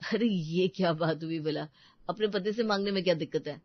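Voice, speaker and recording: A woman voicing a calm, puzzled young husband who reasons soothingly, recorded dull and dry. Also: lowish voice, a little fast, dry recording, natural voice.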